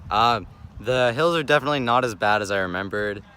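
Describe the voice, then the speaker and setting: A man's voice: medium pitch, brisk, bright, forceful tone, clear, resonant tone. A young male runner outdoors, reflecting hesitantly on a race course.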